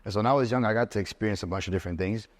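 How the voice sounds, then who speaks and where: Very deep-voiced young man chatting loosely. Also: rapid-fire. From Switzerland. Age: 20s. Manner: rambling, loose, says "like" a lot. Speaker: interview guest. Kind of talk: casual podcast conversation.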